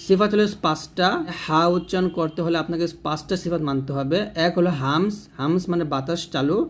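A man giving a recitation lesson, explaining and demonstrating each letter sound slowly, and asking viewers to repeat after him. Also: on the high side, steady tone. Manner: addresses viewers directly. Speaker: Quran recitation teacher. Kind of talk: tajweed lesson.

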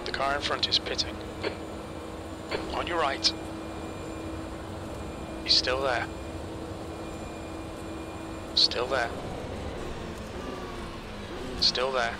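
A man calls out terse pit radio messages as a race engineer and spotter. His clipped, matter-of-fact delivery sits at an ordinary mid pitch. A loud engine roar runs underneath his words. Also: fairly even intonation, takes it slowly, long pauses, heavy background noise.

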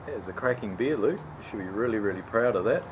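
A relaxed man with a lowish voice hosts a homebrew channel, chatting through a casual beer review vlog with lots of "um" pauses. He's outdoors on a sunny backyard patio, picked up by a close camera mic and later a handheld one as he walks. Outdoor background noise runs through the recording.

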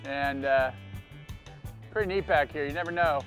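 A middle-aged man hosting a fishing show, chatting casually and getting excited from a small boat out in a canal. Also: on the high side, normal speed, faint music behind. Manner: excitable, whoops when fish bite. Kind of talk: casual on-the-water chat.

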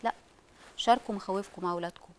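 A woman with an Egyptian Arabic accent talks at a breakneck pace as a parenting specialist. She is animated and slips into the voices of the parents she describes, all in a mid-range voice. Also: medium pitch, very fast, slight background noise. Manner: animated, acts out what parents say. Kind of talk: studio talk show discussion.

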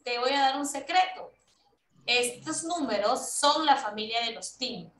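High-voiced lady teacher on a video call, slow and patient, kinda far from the mic in an echoey room. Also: pushed and bright, slight background noise. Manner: patient, repeats herself, checks in with "¿ya?". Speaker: English teacher. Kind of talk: online class for children. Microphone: laptop mic on a video call.

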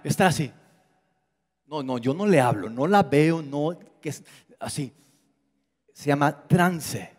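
High-voiced preacher in a reverberant hall. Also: male voice. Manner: animated, acts out quoted voices, drops low for emphasis. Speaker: pastor. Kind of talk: sermon.

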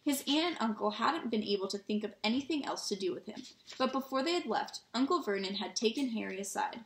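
A woman reading a children's novel aloud in a relaxed way, with small slips and restarts, in a roomy-sounding recording. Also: fairly high pitch, a little fast, slight background noise. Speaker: reader. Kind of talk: storybook read-aloud. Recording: roomy echo.

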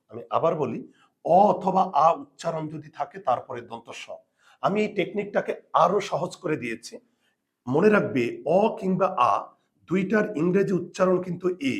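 Male language teacher, somewhat high voice, patient and repetitive, steady classroom delivery. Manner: patient, repeats rules slowly for students. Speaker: Bengali grammar teacher. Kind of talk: spelling lesson to students.

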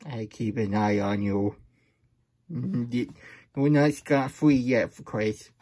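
A man voices a silly, childlike plush hedgehog reading storybooks aloud in babyish broken grammar, getting flustered easily. His voice is medium in pitch, slow, dark in tone and slightly rough, and the mood is playful and suspicious.

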